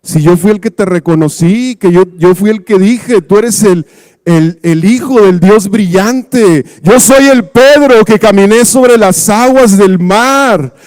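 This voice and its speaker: A man doing brash, hot-tempered Peter. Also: slow. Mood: protesting. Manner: loud, high and emphatic. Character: brash, hot-tempered fisherman insisting he is loyal.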